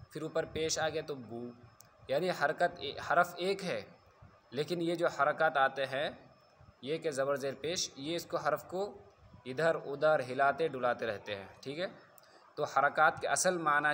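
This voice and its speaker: A man teaching a Quran reading lesson. He spells syllables slowly and loudly, checking again and again that viewers follow. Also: mid-range voice, slight background noise. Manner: drills letters slowly and loudly, repeats "theek hai?" to check understanding.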